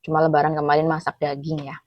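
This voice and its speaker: A Javanese-accented woman from Cilacap, Central Java, Indonesia, works as a food vlogger and chats casually through a mukbang, talking with her mouth full and humming as she savours each bite. Her voice is low and level, and she speaks fast. The audio is dry with no room sound, and the highs are cut off.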